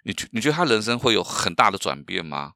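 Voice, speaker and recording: A man's voice: fairly low pitch, big pitch swings, fast, vocal fry, pushed and bright, no echo, studio quality. A middle-aged man from Taiwan, a professional speaker hosting his own podcast, telling stories and asking rhetorical questions with frequent fillers. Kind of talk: solo podcast talk.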